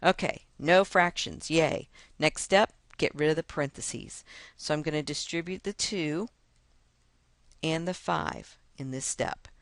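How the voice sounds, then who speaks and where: A woman's voice: deep voice, a little slow, no echo. A woman math teacher talking through a lesson step by step in a chatty, self-mocking way. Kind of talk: casual screen-recorded lesson walkthrough.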